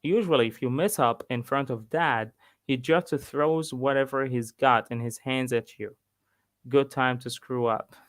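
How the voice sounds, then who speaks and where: A man with an Egyptian accent, an English teacher reading a book aloud and pausing to explain words. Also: medium pitch, no echo. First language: Arabic. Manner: slow, pausing to explain vocabulary.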